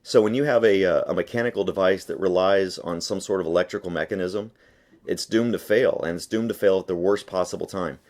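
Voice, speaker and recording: A man with a low, darkish voice speaks a little quickly as he argues his case in a phone interview. The guest, a gun rights supporter, is emphatic and insistent throughout.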